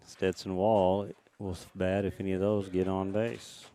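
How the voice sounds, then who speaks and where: A man calling a high school all-star baseball game play by play, lifting his voice on the big plays. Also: little pitch movement, dark tone. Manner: brisk, lifts in pitch and volume on big plays. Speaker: play-by-play announcer.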